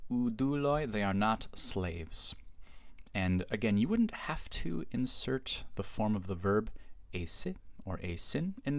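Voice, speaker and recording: Deep-voiced man giving a grammar lecture. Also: dry recording. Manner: measured, explanatory, reads Greek forms slowly. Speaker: Greek teacher.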